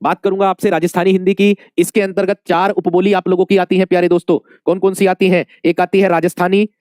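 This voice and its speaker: A man's voice: high-pitched, level tone, quick pace, darkish tone, dry recording, studio quality. A male Hindi teacher giving an exam-prep lesson, calling his students dear friends, asking questions and repeating the answers many times.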